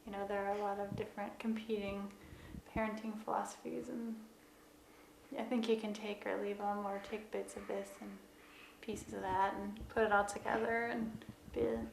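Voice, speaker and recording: A woman interviewed about parenting, speaking in a calm, measured way. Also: medium pitch, creaky. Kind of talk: documentary interview. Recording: echoey room with faint noise.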